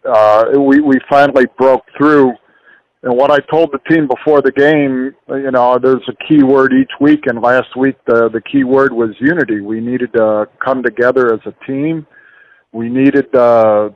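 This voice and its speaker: A middle-aged or older man, a football coach, answering interview questions in halting short phrases. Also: medium pitch, no echo. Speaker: high school football coach. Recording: dull, band-limited radio interview audio.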